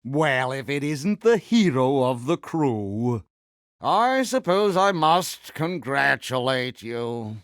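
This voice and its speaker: A man's voice: medium pitch, very animated, slow, dry recording, clean studio sound. A man voicing a vain, pompous middle-aged pirate captain for a video game, with a British accent and grandiose, mannered speech. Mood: grandly courteous. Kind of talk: theatrical video game character voice acting.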